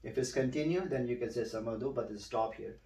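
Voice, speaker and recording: A man teaching one student, patient and unhurried, often repeating each word slowly. He sits back from the mic in a roomy space, so his voice carries a clear echo. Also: medium pitch, warm tone, distant mic. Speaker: Quran recitation teacher. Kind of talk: one-on-one tutoring.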